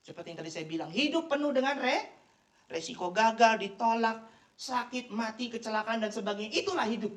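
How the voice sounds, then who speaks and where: A woman preaching a sermon, animated and emphatic, with joking asides. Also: on the high side, a little fast. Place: office worship room. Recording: echoey room, mic far off.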